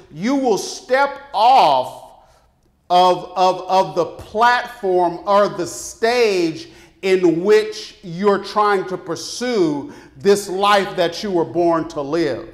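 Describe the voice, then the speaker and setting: A man preaching a motivational sermon with emphatic delivery, repeating key phrases for weight. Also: high-pitched.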